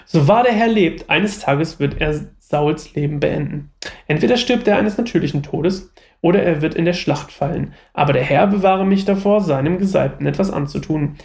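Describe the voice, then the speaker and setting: A man's voice: a little high, moderate pace, gravelly, a little mellow. A man voicing a devout young fugitive warrior, reading his lines earnestly and pleadingly.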